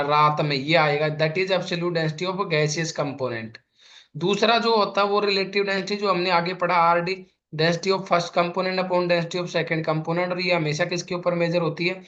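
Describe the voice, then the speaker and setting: Guy teaching chem in mix, highish voice, keeps saying beta, kinda muffled lo-fi audio. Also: fairly bright tone. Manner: calls students "beta", explains patiently with repeated questions. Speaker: chemistry teacher. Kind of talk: exam-prep lecture.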